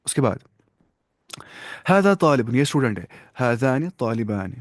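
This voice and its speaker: A man's voice: mid-range voice, big pitch swings, no room sound, clean studio sound. Patient male language teacher quizzing students. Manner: mixes English words into explanations. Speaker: Arabic teacher. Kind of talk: classroom-style language lesson.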